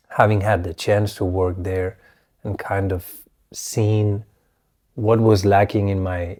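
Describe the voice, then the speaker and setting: A man, hosting a solo podcast, talking reflectively with many restarts, his voice a little hoarse as it recovers. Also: on the low side, darkish tone. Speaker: podcast host.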